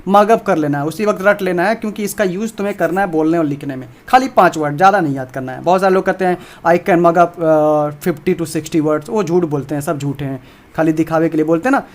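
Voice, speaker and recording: A man gives an informal exam prep lesson on video at a rapid pace. He is emphatic and repeats his points, speaking straight to his viewers. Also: high voice.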